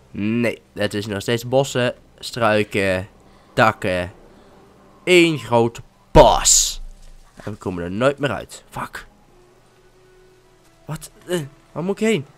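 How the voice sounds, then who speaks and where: A man giving casual commentary while playing a game, excitable and often swearing or exclaiming. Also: medium pitch. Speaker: let's-play gamer.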